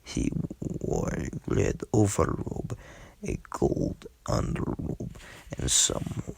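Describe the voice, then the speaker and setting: A man with a Russian accent reads a science fiction story aloud in a halting way, stumbling over words and correcting himself, his voice gravelly and husky. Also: noisy background. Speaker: amateur reader.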